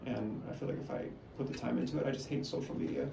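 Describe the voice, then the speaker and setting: Gravelly young man chatting in a roomy space. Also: medium pitch, fast talker. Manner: relaxed, filler-heavy with lots of "like". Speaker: podcast co-host. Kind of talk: casual chat. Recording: roomy, distant mic, steady hiss.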